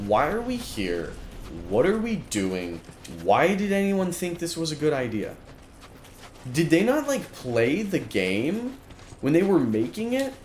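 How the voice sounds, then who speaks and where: A man streaming a game, giving live let's-play commentary in an exasperated rant, with frequent restarts. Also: a little high. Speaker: gaming streamer. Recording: echoey room with background noise.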